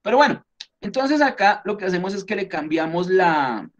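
High-voiced Colombian man teaching a class. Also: expressive, moderate pace, highs cut off. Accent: Colombian Spanish. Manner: patient step-by-step explaining, frequent fillers and check-ins. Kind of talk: explaining a class lesson.

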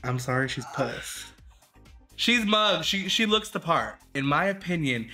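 A man's voice: medium pitch, bright, forceful tone. A man, a drag queen host, giving sassy, dramatic, shady live commentary while judging a game fashion show.

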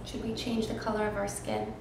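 A woman teacher reading a picture book aloud to her class, gentle and expressive, pausing to ask the children questions. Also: medium pitch, vocal fry. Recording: very echoey room, faint noise.

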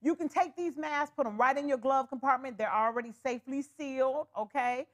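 A woman with a high, bright-toned speaking voice runs a live wig sales stream. She chats straight at her viewers, calls them honey and y'all, and keeps pushing the deals. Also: a little fast. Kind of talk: live shopping stream chat.

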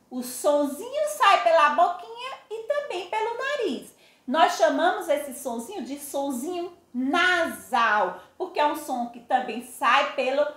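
A woman teacher with a Brazilian Portuguese accent, leading a recorded class for young children in a slow, sing-song, drawn-out way. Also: very high voice, fairly bright tone. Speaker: primary school teacher. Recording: echoey room.

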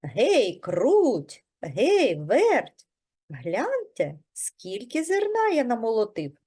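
A woman's voice: sits high, big pitch swings, a little slow, mellow. A woman voicing a hardworking, patient male rooster in a children's storybook reading, calling out in an earnest way.

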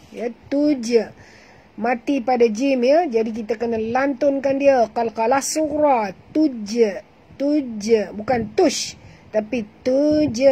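A woman's voice: fairly high pitch, dark tone, breathy edge, highs cut off. A woman with a Malaysian Malay accent teaching Quran recitation rules in an online class, patiently repeating sounds and correcting pronunciation. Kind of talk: online tajwid class, explaining and demonstrating recitation.

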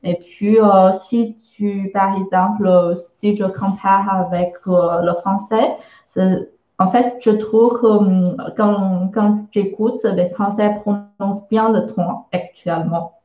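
A woman with a Chinese accent leads a live online lesson at a slow, unhurried pace, stopping often to search for words. Her patient explanations come through a roomy, slightly muffled stream recording. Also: mid-range voice, fairly even intonation, faint music behind. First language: Mandarin Chinese. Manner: hesitant, many filler sounds, patient explaining. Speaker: Chinese teacher.

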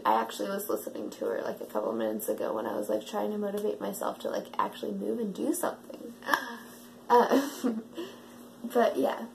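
A woman's voice: on the high side, gravelly, slight background noise, rough recording. A young woman vlogging in a casual, rambling way, full of fillers and self-mocking asides. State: out of breath. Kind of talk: casual chat to camera.

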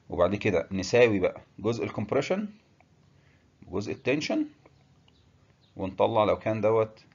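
A man with an Egyptian Arabic accent giving a technical engineering lecture, explaining step by step with filler pauses and English terms. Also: lowish voice, darkish tone, dull audio.

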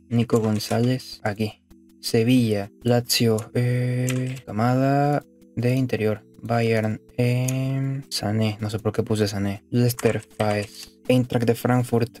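A man's voice: mid-range voice, warm tone. A man with a Mexican accent doing casual gameplay commentary as a streamer, muttering to himself, swearing and repeating phrases.

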